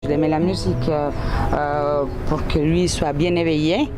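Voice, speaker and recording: A woman's voice: low-pitched, steady tone, normal speed, noisy background. A woman interviewed as an animal carer in a news clip, speaking hesitantly with many fillers.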